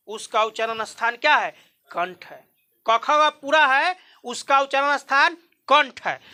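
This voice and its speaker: A man's voice: very high voice, pushed and bright. A man teaching a grammar lesson. He explains step by step, asking questions and answering them himself. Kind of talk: classroom-style Hindi grammar lesson.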